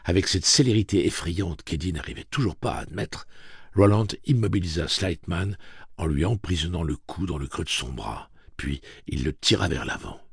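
A man reading a novel aloud as an audiobook narrator in a measured, dramatic way. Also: a bass voice, creaky, breathy edge, no echo, clean studio sound. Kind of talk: scripted narration.

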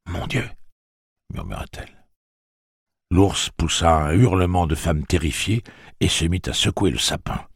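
A man reading a novel aloud as audiobook narrator, in an expressive, dramatic way. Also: sits low, husky, dry recording, clean studio sound. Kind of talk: scripted narration.

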